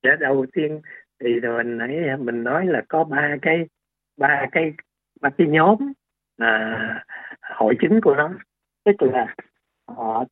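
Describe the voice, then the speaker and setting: Heard over a tinny, phone-like radio line with no echo, a medium-pitched man appears as a doctor guest in an interview. His explanations come out hesitantly, with lots of fillers and restarts.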